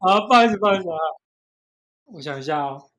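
A man's voice: high voice, animated, fast, fairly bright tone. A man, chatting casually as a podcast co-host. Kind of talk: casual group chat.

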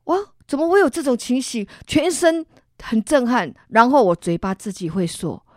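A woman from Singapore tells her personal story as an interview guest, voicing the people in it as she goes. Her delivery is lively and full of feeling, with frequent laughter. The recording is close and dry, with no room sound. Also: on the high side, normal speed, no echo. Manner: animated storyteller who acts out other people's lines; expressive, laughs while telling. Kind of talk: telling a personal faith testimony.

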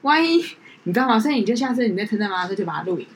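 A woman's voice: mid-range voice, sing-song, rapid-fire, very noisy. A woman co-hosting a casual podcast, giving her friend advice. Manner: gives advice, acts out quotes. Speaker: podcast co-host. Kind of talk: casual chat.

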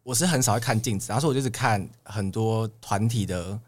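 A young adult man with a Taiwanese Mandarin accent speaks quickly in a lowish voice. He's an idol trainee appearing as an interview guest, telling stories in a relaxed way.

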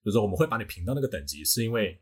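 A husky male podcast host with a Taiwanese Mandarin accent and a slightly low pitch. He explains things in a casual, teacherly way, often hedging and repeating a phrase as he works toward his point. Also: very animated, very fast.

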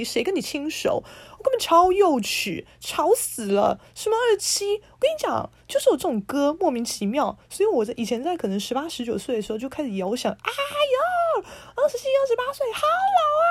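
A woman's voice: fairly high pitch, warm tone, no echo. A woman, hosting a podcast as a casual monologue and ranting in an indignant, blunt, sarcastic way. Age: 30s. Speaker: podcast host.

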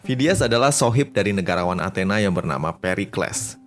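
A man's voice: sits low, animated, fairly quick, soft background music. A man narrating history in a chatty, slangy way, dropping in English phrases. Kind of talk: casual storytelling narration.

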